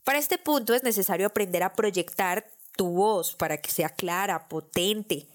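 A woman hosting a podcast, teaching public speaking in a clear, measured, explanatory way. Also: mid-range voice. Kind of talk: scripted podcast lesson.

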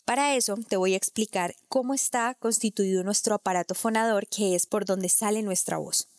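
Clear-spoken woman voice coach. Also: mid-range voice, normal speed, no room sound, clean studio sound. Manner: clear, didactic, addresses the listener directly. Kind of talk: instructional talk to camera.

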